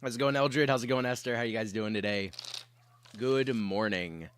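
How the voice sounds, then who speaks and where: A man's voice: medium pitch, moderate pace, fairly bright tone, clear, resonant tone, no room sound. A young man who is sick, chatting casually with his livestream viewers from his bedroom, rambling along with lots of fillers and the odd cough. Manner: rambling and laid-back, many fillers. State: sick, with coughs and throat clearing.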